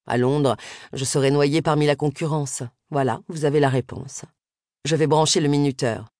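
A woman voicing a confident, flattering male hairdresser in an audiobook, in a lowered, self-assured voice. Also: moderate pace, dry recording, studio quality.

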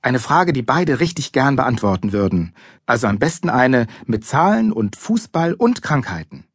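A man narrating a children's audiobook in lively first-person storytelling. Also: mid-range voice, moderate pace, breathy edge, no room sound, studio quality. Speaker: audiobook reader.

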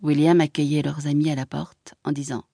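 A woman narrating a literary audiobook in a measured, expressive reading voice. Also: low voice, creaky, husky, no echo, studio quality.

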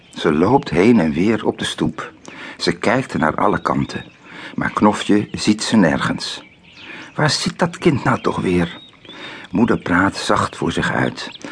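A man narrating a children's audiobook in an expressive way, dropping to a whisper at tense moments. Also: sits low, a little hiss or hum. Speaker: storyteller.

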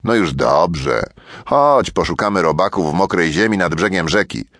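A man's voice: lowish voice, big pitch swings, moderate pace, no echo, studio quality. A man voicing a bossy, impatient young boy in a children's audiobook. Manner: impatient, scolding.

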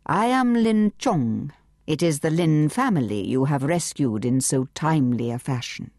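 A woman's voice: deep voice, expressive, measured pace, mellow, dry recording, clean studio sound, heavily acted. Woman voicing a courteous Oxford-bred young man. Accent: upper-class English. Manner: formal, polite.

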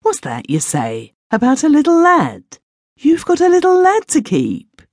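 Woman voicing a gruff lonely old grandfather. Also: rumbling low, very animated, unhurried, a little mellow, dry recording, clean studio sound, heavily acted. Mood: astonished. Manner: rustic country dialect, gloomy then wondering.

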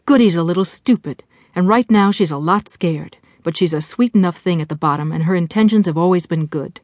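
A woman's voice: on the low side, brisk, a little mellow, no room sound, studio quality, natural voice. A woman voicing a furious, blunt inner voice. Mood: scornful. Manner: furious, disgusted, hectoring. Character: angry blunt inner voice of an old woman friend.

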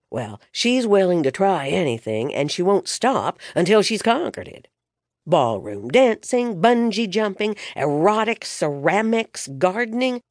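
A woman's voice: low-pitched, no echo, studio quality. A woman doing a sheepish, exasperated young man. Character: exasperated embarrassed young man, her son.

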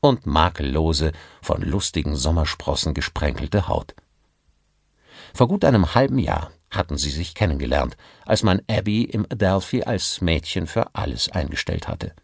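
A man narrating an audiobook in an expressive storytelling manner. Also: very deep voice, moderate pace, vocal fry, slightly rough, no room sound, studio quality. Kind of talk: scripted narration.

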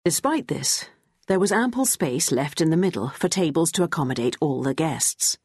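Husky woman narrating an audiobook. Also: low voice, lively intonation, moderate pace, a little mellow, dry recording, studio quality. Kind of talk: scripted narration.

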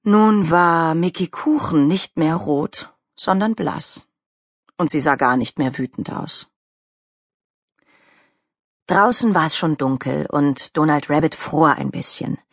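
A woman reading a children's story as the narrator, with lively, expressive storytelling on a close studio mic. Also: sits low, takes it slowly, no echo. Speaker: audiobook narrator.

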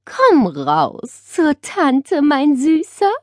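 A woman voicing an elderly great-aunt in an audiobook, speaking in a slow, drawn-out way. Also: on the high side, big pitch swings, no echo, studio quality, voice pushed up, heavily acted. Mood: coaxing. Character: old great-aunt, gruff but kind. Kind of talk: audiobook character voice.

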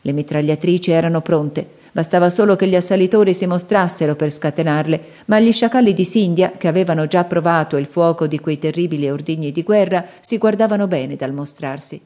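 A woman narrating an audiobook adventure novel in a measured, expressive way. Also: fairly low pitch. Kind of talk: scripted narration.

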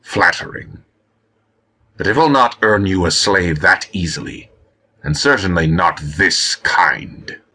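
A man's voice: sits low, takes it slowly, bright, forceful tone, husky, full character voice. A man voicing a proud, hostile male harpy warrior with a rugged, hissing voice, suspicious and contemptuous. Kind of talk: audiobook character reading.

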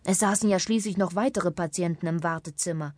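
A woman narrating a children's audiobook in a calm, clear storytelling manner. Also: on the low side, brisk, slight background noise.

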